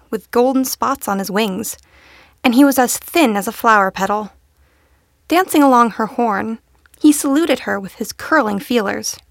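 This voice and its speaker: A woman narrating a storybook in a measured, lyrical way. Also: mid-range voice, no echo, clean studio sound.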